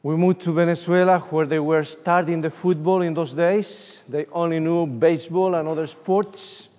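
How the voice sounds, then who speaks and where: Long hall reverb surrounds a distant recording made with a room microphone. In it, a middle-aged Uruguayan evangelist tells animated personal stories during a conference sermon, speaking English with a Spanish accent and pausing often on "uh." His voice is somewhat high for a man.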